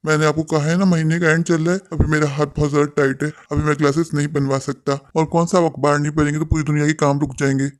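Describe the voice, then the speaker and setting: A man's voice: fairly high pitch, flat delivery, fast talker, few pauses, lightly acted. A man voicing an impatient adult son in a cartoon, who scolds his elderly father dismissively. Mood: scornful. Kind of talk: animated cartoon voice acting.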